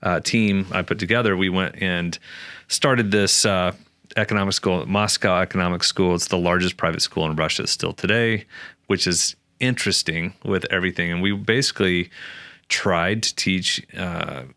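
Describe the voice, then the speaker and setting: Brief: very low, resonant male guest, dry close sound, chatty storyteller who restarts his sentences. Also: normal speed, no echo. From Oklahoma, USA. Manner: animated, many restarts and fillers. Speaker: author and guest. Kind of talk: conversational storytelling interview.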